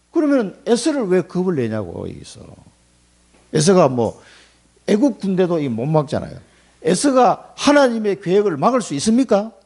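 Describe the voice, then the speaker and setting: A man preaching a Sunday sermon in a church, talking in an everyday way rather than reading. His voice sits a little high and leaps around widely in pitch, and he acts out quoted voices and chuckles between points. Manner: animated, colloquial preaching with acted-out quotes and chuckles. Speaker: pastor. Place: church sanctuary.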